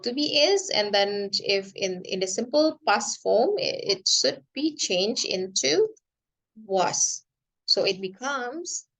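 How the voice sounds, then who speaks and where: In this online grammar class, a woman with an Indonesian accent teaches English, her voice pitched fairly high. Her explanations are slow and deliberate, alternating between English and Indonesian.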